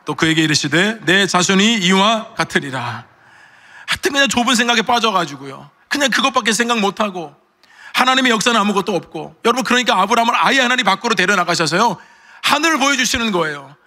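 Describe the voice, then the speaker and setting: Bright-voiced male pastor preaching. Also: high voice, quick pace. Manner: animated, acts out quoted voices. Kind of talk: sermon. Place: church sanctuary. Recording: long church reverb.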